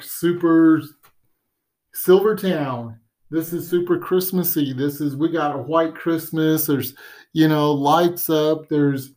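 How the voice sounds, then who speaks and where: A man's voice: a little high, a little mellow. A man co-hosting a podcast in casual chat, rambling and joking, often trailing off mid-sentence. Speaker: podcast co-host.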